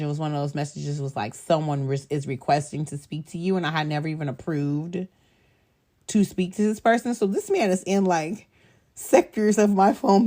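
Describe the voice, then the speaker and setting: A woman hosting a podcast, telling a personal story in a casual, candid way, animated and often laughing. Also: sits low. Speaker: podcast host.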